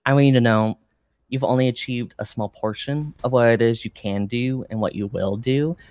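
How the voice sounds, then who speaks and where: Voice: medium pitch, fairly even intonation, normal speed, darkish tone, dry recording, lightly acted. A performer playing an earnest, encouraging psychic medium, giving a tarot reading in a hesitant, reassuring, intuitive way. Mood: reassuring, intense. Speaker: psychic tarot reader in a role-play. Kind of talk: improvised role-play tarot reading, seance medium manner.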